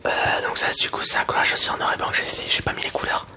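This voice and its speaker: A man chatting casually in a soft, breathy library whisper for ASMR, hesitant and unhurried. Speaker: ASMR video creator.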